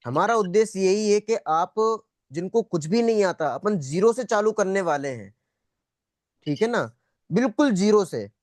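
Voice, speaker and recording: A high-voiced man leads a spiritual class over a video call as an interactive lecture, animated yet measured in pace, with a slightly mellow tone. He's conversational and repetitive, frequently asking students questions to check they understand. The audio is dry with little room echo.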